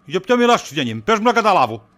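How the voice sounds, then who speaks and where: A man's voice: mid-range voice, animated, a bit bright, natural voice. A joking, teasing friend, as a man plays him, in an ordinary mid-range voice, who turns cagey when he is pressed. The comic sketch delivery stays light and mocking. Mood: evasive. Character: teasing friend, middle-aged man named Kostas. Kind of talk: comedy sketch acting.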